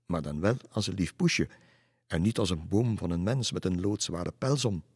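A man's voice: low-pitched, moderate pace, a little mellow, husky, no room sound, clean studio sound. A man voicing a brave, teasing young girl in a storybook reading, with a cheeky, mocking manner. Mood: scheming.

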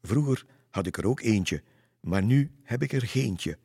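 A man voicing a mean dancing jester who taunts in sing-song, in a storybook reading. The voice rises well above his own and comes out husky and dry. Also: fairly high pitch, a little fast, a little mellow, no room sound, pitched above the performer's own voice. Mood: taunting. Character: mocking singing jester man.

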